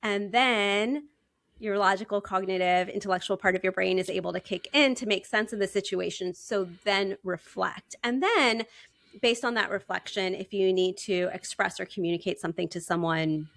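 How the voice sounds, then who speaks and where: A woman's voice: medium pitch, normal speed, creaky, fairly bright tone, no room sound. A woman hosting an interview podcast, upbeat and conversational. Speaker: podcast host.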